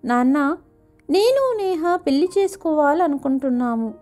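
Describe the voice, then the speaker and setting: A woman's voice: sits high, lively intonation, unhurried, faint music behind. A woman voicing a defiant angry son. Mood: earnest. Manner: sharp and defiant. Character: defiant young man, angry grown son.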